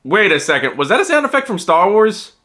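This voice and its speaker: A man's voice: sits high, sing-song, a little fast, music in the background. A man giving exasperated, sarcastic and profane commentary as he reviews a video game.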